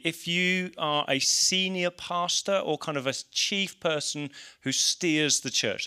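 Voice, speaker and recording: A man's voice: medium pitch, sharp tone. An English man presenting an informal seminar in an explanatory, slightly hesitant way. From English Midlands. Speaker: church leader presenting a seminar.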